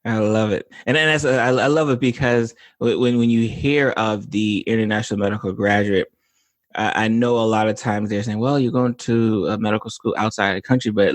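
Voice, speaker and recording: A man's voice: lowish voice, dry recording. A man hosting a podcast interview, talking casually and rambling with many restarts and fillers. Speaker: podcast host, physician.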